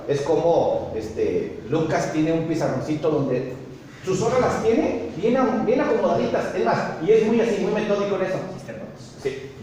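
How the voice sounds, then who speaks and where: A man, a pastor preaching a sermon to his congregation, telling animated stories and asking them questions. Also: a little high. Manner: animated storytelling, asks the congregation often. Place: church hall. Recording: echoey hall, distant mic, faint noise.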